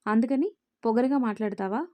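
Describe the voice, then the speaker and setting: A woman's voice: on the high side, a little fast, dark tone, dry recording, close to an everyday voice. A woman voicing a young man, a stern boss who scolds in a commanding way in a spoken storybook.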